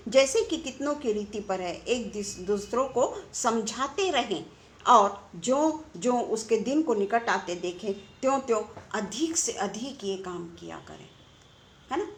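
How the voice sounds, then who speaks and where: A woman's voice: a little high, lively intonation, a little slow, echoey room, slight background noise. A woman preaching a conversational sermon, asking her listeners rhetorical questions. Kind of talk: online sermon.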